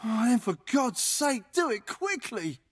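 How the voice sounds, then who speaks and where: A wounded, sleepless game character, very high in pitch. He moans in pain and grumbles irritably, dragging out his words with big swings, over faint music. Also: sing-song, unhurried, heavy background noise, full character voice. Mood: pained, irritable. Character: suffering, irritable injured man unable to sleep. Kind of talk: video game voice acting.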